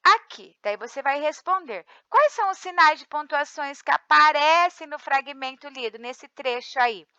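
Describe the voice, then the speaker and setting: A Brazilian teacher with a high, bright voice reads a lesson aloud, pausing often to check that her students follow. The sound is dry and a little dull, like a modest home recording. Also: lively intonation, no echo. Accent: Brazilian Portuguese. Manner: reads textbook aloud, checks in with frequent tag questions. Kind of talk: recorded remote class lesson.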